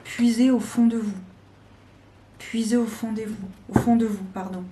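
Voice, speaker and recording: A woman giving a slow, deliberate weekly tarot guidance, with frequent pauses and hesitations. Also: fairly high pitch, fairly even intonation, mellow. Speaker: tarot reader.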